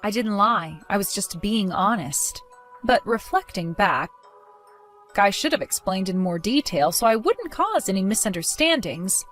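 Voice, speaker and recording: A woman's voice: medium pitch, lively intonation, measured pace, fairly bright tone, soft background music. A woman voicing a protective young mother in a dramatized story, accusing and sarcastic.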